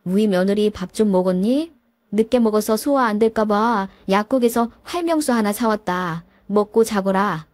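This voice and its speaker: A woman voicing a kindly older father-in-law with a fatherly manner, in a lowered voice. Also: normal speed, no echo, lightly acted. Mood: gentle. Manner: gentle, fatherly.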